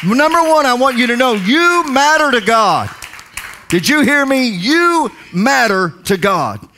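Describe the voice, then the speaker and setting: A man in his forties preaching a sermon on a dark stage through a headset mic, swinging from hushed lines to loud emphatic calls. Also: very high voice, sing-song, measured pace, a little hiss or hum. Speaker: pastor. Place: large dark stage, indoors.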